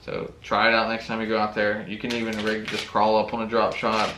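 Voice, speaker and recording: A man's voice: fairly low pitch, monotone, brisk, reverberant, background noise. A man hosting a fishing channel, casually unboxing tackle and talking with enthusiasm, often saying "really, really.".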